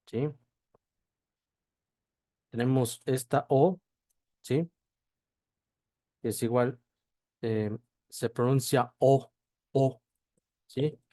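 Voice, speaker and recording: A male language teacher gives a slow classroom explanation in a warm, low tone, never rushing. After each point he checks in with "¿sí?" and spells out sounds one at a time. There's no echo on the recording.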